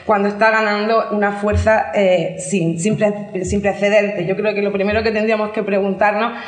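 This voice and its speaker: A woman's voice: mid-range voice, level tone, moderate pace. A woman from Murcia giving a talk at a conference, speaking with many restarts and fillers. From Murcia, Spain. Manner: hesitant restarts, filler-heavy, engaged. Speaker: invited speaker. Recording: echoey hall.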